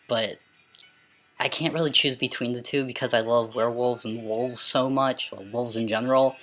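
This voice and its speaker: An amateur vlogger with a mid-pitched, androgynous voice, speaking casually and stumbling now and then over words. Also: fairly bright tone. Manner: halting, stumbles over words and repeats them when reading. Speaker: amateur video blogger. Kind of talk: casual question-and-answer vlog with some read-aloud passages.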